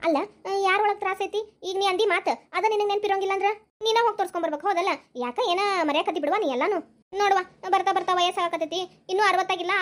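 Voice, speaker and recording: A woman's voice: very high voice, fairly bright tone. A woman with a North Karnataka accent voicing squabbling village women, mothers-in-law and daughters-in-law, in a cartoon family drama, scolding and bickering back and forth. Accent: North Karnataka Kannada.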